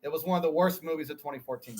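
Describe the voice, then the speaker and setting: A man co-hosting a casual chat podcast, giving blunt, profane opinions with animated energy. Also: on the high side, rapid-fire, rough recording. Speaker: podcast co-host.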